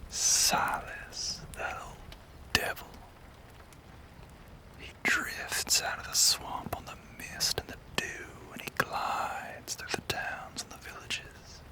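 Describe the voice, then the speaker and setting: In a low-quality recording, a man using his natural voice plays a courtly, menacing, ageless vampire from the American South. It's an intimate audio roleplay, mostly whispered and breathy, told as ominous storytelling with genteel, theatrical phrasing and long pauses.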